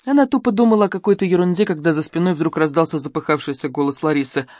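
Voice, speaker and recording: A woman narrating a detective novel audiobook in an even, measured way, close to the mic. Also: low-pitched, dry recording.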